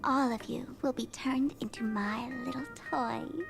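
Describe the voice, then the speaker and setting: A woman's voice: high-pitched, sing-song, measured pace. A woman voicing a smug, playful young streamer who schemes as a school dean, teasing and theatrical in a game. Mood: sinister. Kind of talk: theatrical scripted game voice acting. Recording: voice over loud game music.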